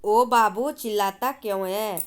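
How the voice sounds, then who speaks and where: Brash mocking pathan guy on a train, as a lady reads him out, a bit higher and louder. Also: sing-song, unhurried. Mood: taunting.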